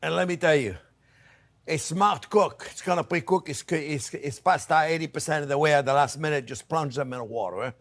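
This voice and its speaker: Male chef host, fairly high voice, exuberant, playful, casual cooking demo, chatty with viewers. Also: a little fast, fairly bright tone. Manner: exuberant, playful, repeats catchphrases, addresses audience as friends. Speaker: chef hosting a cooking channel.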